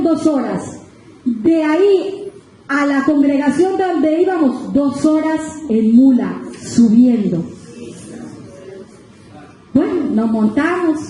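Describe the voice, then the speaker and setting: A very high-voiced woman with a Colombian Spanish accent preaches as a guest speaker, her tone soft and mellow. She tells her story in an animated way, calling the listeners brothers and sisters. The sound rings through a large, very echoey church hall. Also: slight background noise. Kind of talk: sermon testimony.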